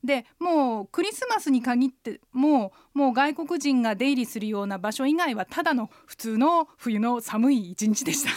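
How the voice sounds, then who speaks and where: A woman hosting a radio language lesson, explaining phrases clearly and modelling pronunciation slowly. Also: high voice, animated, no echo, studio quality. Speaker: Chinese language teacher. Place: radio studio.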